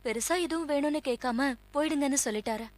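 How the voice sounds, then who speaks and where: A woman's voice: sits high, fast talker, darkish tone, lightly acted. An actress playing a young film actress telling reporters about her kidnapping, speaking earnestly in a dubbed film.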